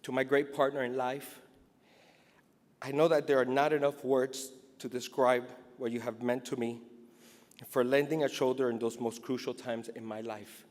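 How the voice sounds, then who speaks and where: A man's voice: mid-range voice, level tone, normal speed, darkish tone. Emotional middle-aged man speaking in a reverberant hall. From Cuba. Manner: emotional, earnest. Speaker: award recipient. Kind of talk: acceptance speech, partly read from notes. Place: large indoor hall at an awards event. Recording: echoey hall with long reverb.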